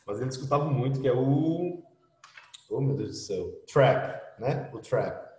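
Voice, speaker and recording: Brazilian man, middle-aged teacher, mellow tone, roomy and distant sound. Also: medium pitch, expressive, unhurried. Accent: Brazilian Portuguese. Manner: chatty, explaining with frequent tag questions. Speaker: English teacher. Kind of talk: online class lecture. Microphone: computer mic in an online class. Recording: roomy echo, speaking from a distance.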